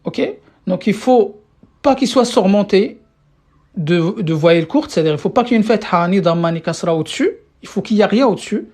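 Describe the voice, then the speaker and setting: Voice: medium pitch, lively intonation, fairly quick, darkish tone. Patient language teacher on a live stream, keeps checking in with questions, talks into a phone or computer mic. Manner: keeps asking the class questions and checking understanding; repeats words while searching for phrasing. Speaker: Arabic teacher. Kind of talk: live online lesson.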